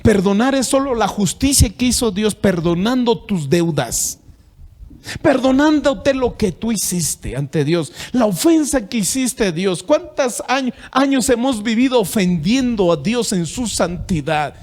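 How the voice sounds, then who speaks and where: A man's voice: lively intonation, a little slow, a little mellow. A man with a Bolivian Spanish accent preaching a sermon as pastor, reading scripture aloud and repeating words as he searches for phrasing. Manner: preaching with rising emphatic pitch when reading scripture.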